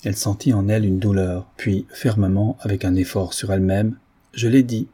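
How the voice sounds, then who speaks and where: A man narrates a classic novel with measured, expressive reading. His voice sits low and sounds dark and mellow. It has a husky grain throughout. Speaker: audiobook narrator. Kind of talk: literary audiobook narration.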